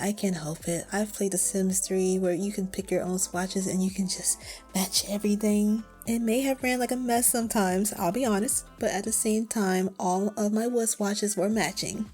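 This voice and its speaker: A woman's voice: mid-range voice, mellow. A young woman giving a chatty, candid voice-over about her game build, often laughing. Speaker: Sims build creator.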